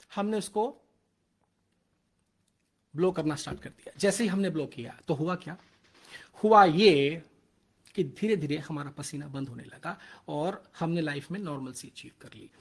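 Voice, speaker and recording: A man speaking earnestly on a live motivational stream, mixing Hindi with Indian-accented English and repeating his points. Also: high-pitched. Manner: earnest, repetitive, switching between Hindi and English.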